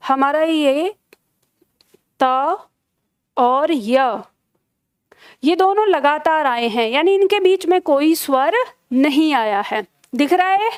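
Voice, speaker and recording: High-voiced woman teaching grammar. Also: no room sound, clean studio sound. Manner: patient, repeats key terms slowly, checks "theek hai?". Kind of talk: live online grammar class.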